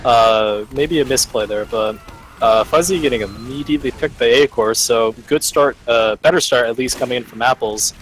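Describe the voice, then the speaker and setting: Man, esports commentator, live analysis, halting delivery, middle pitch, faint noise. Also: rough recording. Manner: analytical, hesitant, many fillers. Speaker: esports caster.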